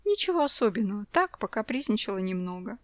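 A woman voicing an exasperated, sharp-tongued young mother in a storybook reading. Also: mid-range voice, sing-song, fast, no echo, lightly acted. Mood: dismissive. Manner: indignant, raised voice.

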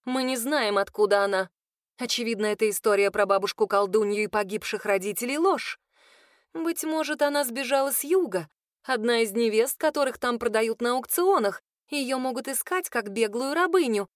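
A woman voicing a sharp, sensible young woman in an audiobook, reasoning aloud. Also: a little high, moderate pace, no echo, studio quality, close to an everyday voice.

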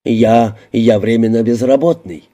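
A man's voice: mid-range voice, fairly even intonation, a little slow, mellow, close to an everyday voice. A man voicing a stammering, terrified little man. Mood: nervous. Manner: stammering, pleading, shaky. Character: timid stammering small middle-aged man, terrified. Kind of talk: audiobook character voicing.

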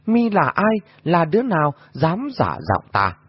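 A man's voice: a little high, wildly swooping pitch, a little slow, slightly rough, pitched above the performer's own voice, exaggerated voice. A man voicing a mysterious shape-shifting trickster who mockingly echoes other people's words. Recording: dull lo-fi audio.

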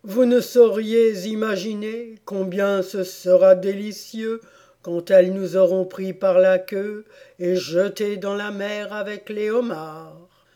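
A woman's voice: medium pitch, fairly even intonation, slow pace, dark tone, lightly acted. A woman voicing a tearful, doleful sea-turtle. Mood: sing-song lament. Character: weepy sentimental sea-turtle creature, slow and doleful.

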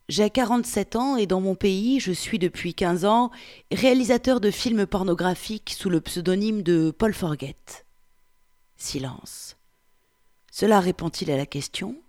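A woman reading the part of a 47-year-old Frenchman, reciting in a slow, hushed, meditative way. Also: lowish voice. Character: 47-year-old French man, pondering who he is. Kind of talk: reading a novel aloud.

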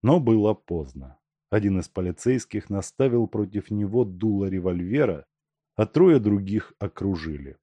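Male audiobook narrator, expressive, very animated intonation. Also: on the low side, moderate pace, no room sound, highs cut off. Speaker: audiobook reader. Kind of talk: scripted narration.

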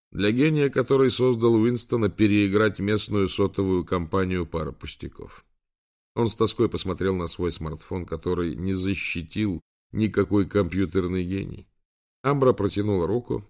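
A man reading an audiobook in a measured, even scripted narration. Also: sits low, gravelly.

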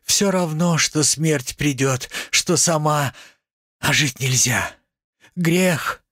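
Male reader doing a grieving young woman, husky, dry room. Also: a little high, a bit bright, no echo, voice pushed up, heavily acted. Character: young woman, anguished, yearning for death.

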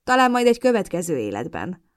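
A woman's voice: fairly low pitch, wildly swooping pitch, no echo, studio quality. A smug young man talks down to his partner with cool, mocking condescension, voiced by a woman narrating a novel. He sounds superior and unbothered. This is storybook narration. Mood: condescending. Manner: patronizing, mocking.

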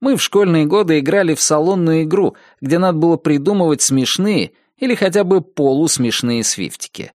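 A man's voice: fairly high pitch, normal speed, hardly any pauses, a little mellow, dry recording, studio quality. A man narrating a nonfiction audiobook, reading expressively and acting out the quoted lines.

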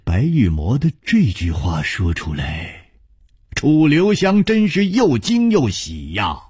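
A man telling a traditional Chinese story with dramatic, drawn-out phrasing. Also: mid-range voice, wildly swooping pitch, darkish tone, husky, dry recording, clean studio sound.

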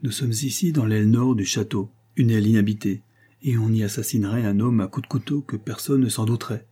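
A man's voice: lowish voice, fairly quick, warm tone, husky. A man reading the part of a scheming young male bandit in an audiobook, speaking in a mocking, carefree tone.

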